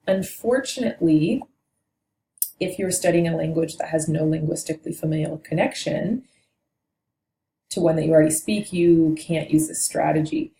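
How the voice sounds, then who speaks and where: In an echoey room with faint noise, a language teacher gives a linguistics lesson, explaining patiently and correcting herself now and then. Her voice is low, creaky and mellow, and her manner stays measured and explanatory.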